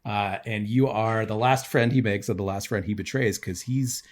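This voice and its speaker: A man's voice: on the low side, fairly even intonation, moderate pace. A man co-hosting a podcast in casual chat, retelling things in a loose, joking way and often laughing. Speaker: podcast co-host.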